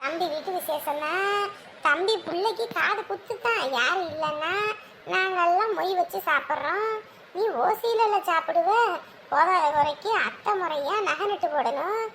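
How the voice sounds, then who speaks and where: A woman playing a shrill, taunting grandmother. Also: normal speed, a bit bright, slight background noise. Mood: mocking. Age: older. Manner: taunting, sarcastic. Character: sharp-tongued gossiping village grandmother. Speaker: mocking older relative. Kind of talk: village family drama acting.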